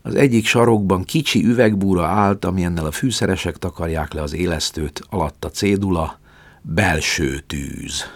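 A man narrating a story dramatically, swinging between loud passages and whispers. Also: low-pitched, hardly any pauses, no room sound. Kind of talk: storytelling reading.

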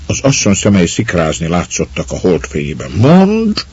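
A man reading a story aloud in a slow, measured way. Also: low-pitched, a little mellow, slightly rough. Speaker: narrator. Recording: dull muffled recording.

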